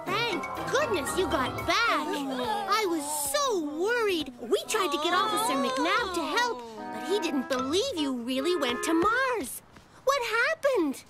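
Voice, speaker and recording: Cartoon casting: clever little girl, very high and animated, knowing and teasing. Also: measured pace, exaggerated voice. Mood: mock worry. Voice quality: girlish. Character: plucky, quick-witted little girl with a teasing streak. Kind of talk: children's cartoon voice acting. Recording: music behind the voice.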